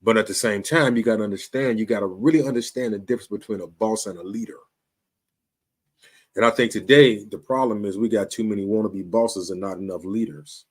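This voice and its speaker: Low-voiced streetwise man in his fifties. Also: brisk, husky. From Chicago, USA. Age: 50s. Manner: conversational, streetwise, repeats "you dig". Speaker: show host. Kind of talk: casual talk to camera.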